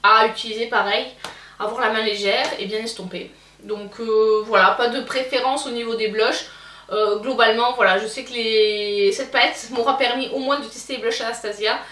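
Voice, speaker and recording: Woman beauty vlogger, fairly high voice, hesitant and chatty, mic set back in an echoey room. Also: fairly even intonation, moderate pace, fairly bright tone, recorded from a distance, a little hiss or hum. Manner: hesitant, many fillers and restarts. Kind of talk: casual product review.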